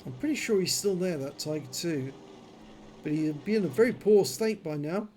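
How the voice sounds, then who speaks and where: A man's voice: a little high, expressive, moderate pace, darkish tone, slight background noise. A man commentating on a video game, his speech slurred and clumsy from a numb, frozen jaw. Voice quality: slurred, numb-jawed speech from dental infection.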